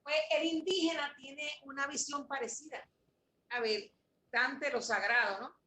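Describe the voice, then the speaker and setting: A woman, a guest in an interview, telling an emotional story in an animated way and repeating phrases for emphasis. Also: high voice, measured pace. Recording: echoey room with faint noise.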